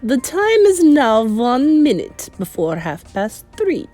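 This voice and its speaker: A woman voicing a scheming witch leader who talks with syrupy sweetness one moment and shrill commands the next. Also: sing-song, takes it slowly, mellow, soft background music, full character voice. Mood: commanding. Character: menacing female witch leader, scheming and theatrical.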